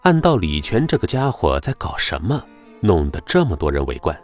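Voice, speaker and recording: A man narrating a web novel audiobook in an expressive storytelling manner. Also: sits low, normal speed, soft background music.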